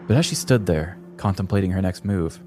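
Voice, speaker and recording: Over music, a low-pitched man narrates a scripted true-crime comedy podcast. He tells the story in a theatrical, deliberate manner.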